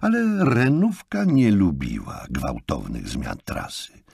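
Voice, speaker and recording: A man narrating an audiobook in an expressive, animated reading style. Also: deep voice, slow pace, vocal fry, slightly rough, no room sound, studio quality.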